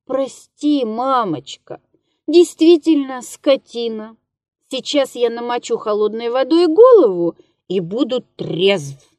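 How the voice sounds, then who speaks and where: A woman voicing a drunk male musician who mocks and wheedles in a slow, slurred way. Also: on the high side, lively intonation, darkish tone, no echo, clean studio sound. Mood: wheedling.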